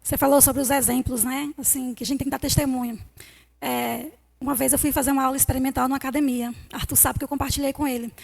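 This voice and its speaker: A woman with a high, gravelly voice tells a personal story in a chatty, quick way. She speaks up during a church class discussion. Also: level tone, a little mellow. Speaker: course participant. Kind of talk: casual testimony in class.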